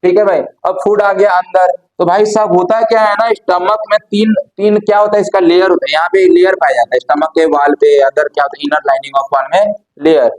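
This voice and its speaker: A man's voice: high-pitched, steady tone, a little fast, rough recording. A man teaches a class. His lecture is chatty and informal. He keeps throwing questions at the students and answering them himself. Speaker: biology teacher.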